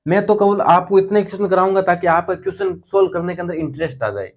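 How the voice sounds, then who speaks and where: A man's voice: sits high, fast. A young man teaching physics in a casual, chatty lecture style, speaking terms and repeating key words for his students.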